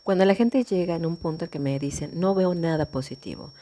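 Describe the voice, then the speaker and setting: A woman's voice: lowish voice, a little fast, mellow, slight background noise. A woman therapist giving a self-help talk, explaining with everyday examples and acting out little voices. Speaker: therapist and coach.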